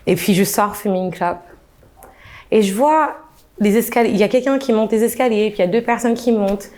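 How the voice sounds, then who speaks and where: Young woman, casual storyteller, animated delivery, mid-range voice. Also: mid-range voice, brisk. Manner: animated, acts out quoted dialogue with laughs.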